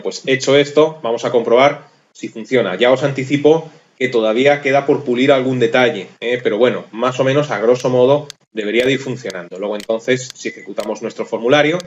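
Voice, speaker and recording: A man's voice: mid-range voice, quick pace. Man, methodical screencast tutorial, thinks aloud, slightly dull lo-fi recording. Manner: methodical, thinks aloud, self-deprecating about his typing. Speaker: programming course instructor.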